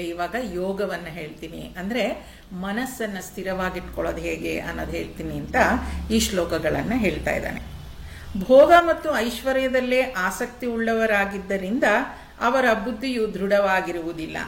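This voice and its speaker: A woman teaching scripture to beginners. She asks and answers her own questions, and chants each verse slowly before she explains it. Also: medium pitch, slight background noise. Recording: roomy echo.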